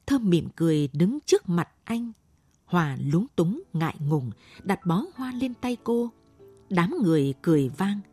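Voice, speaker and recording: A woman's voice: lowish voice, sing-song, measured pace, a little mellow, breathy edge, no room sound, faint music behind. A woman reading a literary short story as late-night narration.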